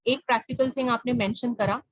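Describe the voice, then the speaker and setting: A woman's voice: a little high, steady tone, a little slow, dry recording, poor audio. A woman with an Indian accent tutoring over a video call, mixing Hindi and English and often checking that her student has understood. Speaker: IELTS speaking tutor.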